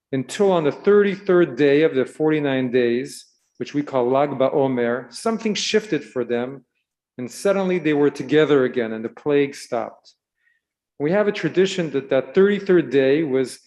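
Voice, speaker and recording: A man who was born in Israel gives a gentle, storytelling sermon to children at a Shabbat service and asks them questions along the way. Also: medium pitch. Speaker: rabbi. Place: synagogue sanctuary.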